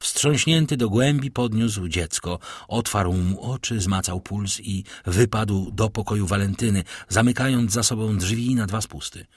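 A man reads a classic novel aloud in a measured, grave manner. His low voice is slightly husky and unhurried, and the sound is close and dry. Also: no echo. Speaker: audiobook narrator. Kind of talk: dramatic literary narration.

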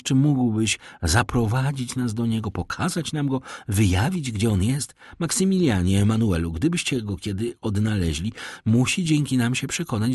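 A man's voice: mid-range voice, a little mellow, breathy edge, no echo, clean studio sound, voice pushed up. A man voicing a hopeful, emotional young noblewoman who speaks in an earnest, pleading way in a read-aloud classic novel.

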